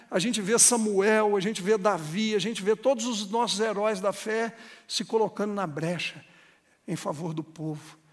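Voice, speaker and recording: A man preaching a sermon as pastor, building to emphatic, emotional passages and acting out conversations with churchgoers. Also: high voice. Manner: acts out dialogues with congregants. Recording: long hall reverb.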